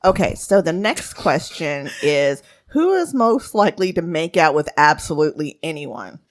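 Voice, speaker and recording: A woman with a fairly low voice keeps a podcast moving by reading the questions aloud. Between questions she drops in short, easygoing remarks as the chat rolls on. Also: big pitch swings, moderate pace. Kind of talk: casual chat.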